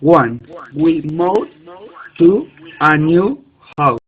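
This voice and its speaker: A male student reading out his answer slowly and carefully during an online class. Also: a little high, expressive, phone-quality sound.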